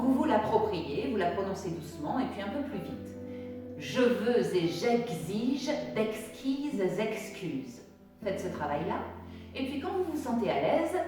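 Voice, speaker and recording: A woman drama teacher leading an acting warm-up, giving clear step-by-step instructions and demonstrating diction drills. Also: mid-range voice, very echoey, far from the mic.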